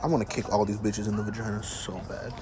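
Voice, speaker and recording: A young man hosting a podcast, talking loud and profane in crude casual banter, often mocking others in high put-on voices. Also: flat delivery, fast, loud music behind the voice. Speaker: podcast host.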